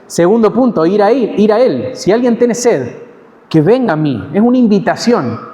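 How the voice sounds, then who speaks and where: A man with an Argentine accent preaching an expository sermon in a measured, teaching way, pausing and correcting himself now and then. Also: sits high, sing-song, warm tone, highs cut off. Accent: Argentine Spanish. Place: church hall. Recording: long church hall reverb.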